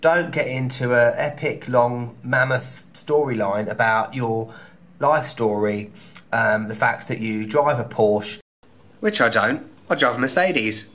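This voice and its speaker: With a mid-range, slightly bright voice and a London accent, a travel vlogger in his thirties cheekily chats his way through some advice, throwing in quick asides. He's filming himself in a small hotel room, camera close at arm's length.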